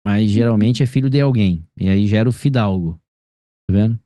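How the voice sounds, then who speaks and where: A man's voice: fairly low pitch, normal speed, mellow, dry recording, clean studio sound. A man with a Brazilian accent tutoring a student one-on-one over a video call, explaining patiently and often checking that she follows. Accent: Brazilian Portuguese. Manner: explanatory, checks understanding with frequent tag questions. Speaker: grammar teacher.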